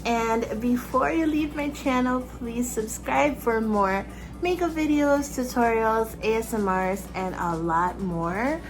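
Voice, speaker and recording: Slow and a little high-pitched, this young Filipino-accented woman talks over music on poor audio. Bubbly and chatty, the makeup vlogger narrates a relaxed tutorial while putting on makeup in a small bedroom lit with fairy lights.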